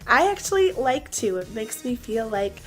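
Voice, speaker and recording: A young woman with a fairly high voice hosts a home cleaning vlog, chatty and upbeat, talking right to her viewers. Her voice sounds partly lost and a little worn. Faint music plays behind her. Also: sing-song, normal speed. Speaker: vlogger.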